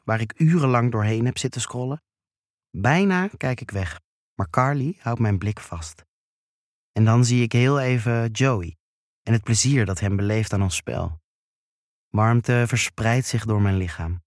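A man narrates a first-person erotic story. His delivery is slow, hushed and intimate, in a medium-pitched voice. The recording is close and dry. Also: no echo.

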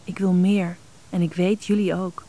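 A woman voicing a playful young woman in a breathy whispered role-play. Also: on the low side, little pitch movement, moderate pace, dark tone. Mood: eager.

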